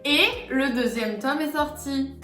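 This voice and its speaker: A young woman chatting casually in a book vlog, animated, swinging between quiet asides and excited bursts. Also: sits high, measured pace. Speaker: booktuber. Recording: echoey room with faint music.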